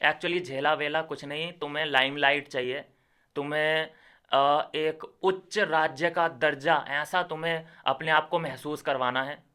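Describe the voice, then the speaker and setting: Young male YouTuber, bright crisp voice, sarcastic lecturing rant. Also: a little high, fairly even intonation, unhurried. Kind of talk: ranting commentary video.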